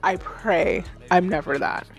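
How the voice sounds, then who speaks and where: A woman in her thirties hosts a live stream, reacting to submitted tracks in a loose, animated way and poking fun at herself. She talks straight to her chat. Faint music plays in the background. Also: lowish voice, measured pace, creaky. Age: 30s. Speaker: livestream host giving music feedback. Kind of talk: casual livestream commentary.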